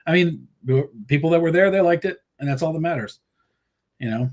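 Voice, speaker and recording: With a fairly high, brisk voice, this man, a musician appearing on an interview show, wanders through casual talk about his band. He is quick to laugh, animated in his storytelling, and full of fillers and restarts.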